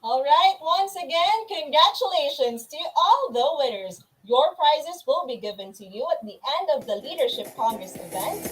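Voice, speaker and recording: High, lively young Filipina hyping giveaways. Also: female voice, normal speed, few pauses, slight background noise, rough recording. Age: young adult. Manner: hyped giveaway announcement. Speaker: event co-host, student raffle announcer. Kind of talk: online event hosting.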